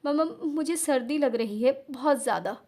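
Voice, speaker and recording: A frightened young wife who stammers through tearful pleas, as a woman storyteller plays her in a storybook reading. The voice is high and shaky with fear. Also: fairly quick, darkish tone, lightly acted. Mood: pleading.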